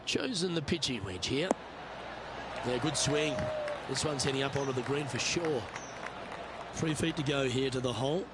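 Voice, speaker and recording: A man voicing a measured, appreciative golf commentator in a video game, calling play as the lead announcer. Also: medium pitch, lively intonation, heavy background noise, close to an everyday voice. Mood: measured, engaged. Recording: game music and crowd behind the voice.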